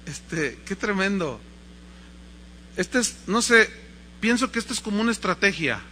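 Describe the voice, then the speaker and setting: A man with a Mexican accent preaching a sermon, telling a story in a lively way and acting out the voices. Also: high-pitched, a little slow, a little hiss or hum. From Mexico, Guadalajara. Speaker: pastor.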